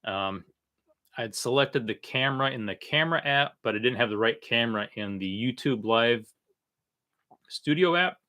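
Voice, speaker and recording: Guy doing a casual livestream, bright forceful voice, kinda halting and trailing off, medium pitch. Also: animated. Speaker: livestream host. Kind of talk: casual unscripted livestream chat.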